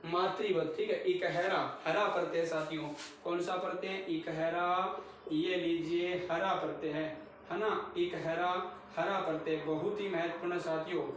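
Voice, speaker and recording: A man's voice: high-pitched, a little hiss or hum. A man teaching Hindi grammar in a class, repeating each word and quizzing his students as he goes. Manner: repetitive, drills each word with quiz questions to students. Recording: very echoey room, mic far off.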